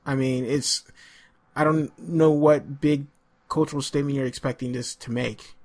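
Man, podcast host, rambling, hesitant, casual, mid pitch. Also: steady tone, moderate pace, darkish tone. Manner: rambling, hesitant, many fillers.

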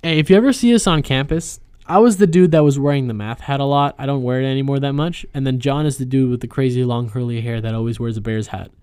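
A man's voice: mid-range voice, steady tone, a little mellow, clean tone, dry recording, studio quality. A young man co-hosting a casual podcast with a friend, joking and teasing as he chats. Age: young adult. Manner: joking, rambling, quick to tease. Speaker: podcast co-host. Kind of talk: casual chat between friends.

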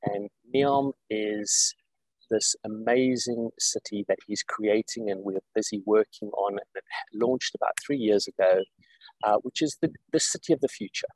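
A man from South Africa, an executive director, explains his work in an interview over a video call, talking in a measured way with many fillers and restarts. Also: lowish voice, darkish tone, dry recording, poor audio. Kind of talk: interview conversation. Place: Saudi Arabia, remote call.

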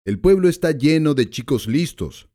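A man's voice: a little high, expressive, normal speed, mellow, pitched above the performer's own voice, lightly acted. Al, a man doing a sneering hitman. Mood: mocking. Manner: mocking, taunting questions. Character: menacing adult male hitman, sneering. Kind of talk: audiobook character voice.

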